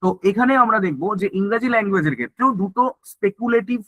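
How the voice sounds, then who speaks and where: On a lo-fi recording, a man speaks very fast in a high, bright, forceful voice with lively intonation. He is a teacher giving an online exam-prep lecture who asks and answers his own questions, blends English terms into Bengali, and keeps checking in with "ঠিক আছে?" ("okay?").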